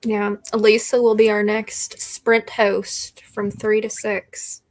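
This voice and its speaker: A woman's voice: mid-range voice, completely flat delivery, slow. A woman co-hosting a reading livestream from home in casual chat, playful and teasing, often laughing.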